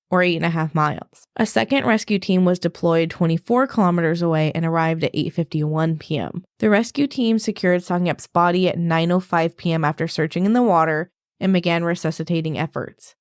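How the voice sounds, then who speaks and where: A woman podcast host telling a true crime story in a measured, explanatory scripted narration. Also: fairly low pitch, darkish tone, no room sound, studio quality.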